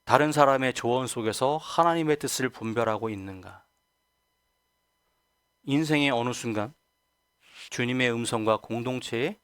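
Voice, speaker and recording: A man's voice: mid-range voice, a bit bright, clear, resonant tone, dry recording. A male pastor preaching a Sunday sermon who asks the congregation rhetorical questions and acts out quoted voices. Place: church sanctuary.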